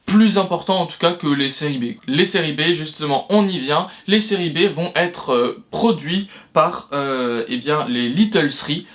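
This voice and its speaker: A young man hosts a casual history lesson about cinema. His voice sits a touch high for a man, and he keeps pausing, restarting and filling gaps as he explains. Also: fairly bright tone. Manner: loose, hesitant delivery full of fillers and restarts. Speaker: history of cinema video host. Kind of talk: casual educational talk.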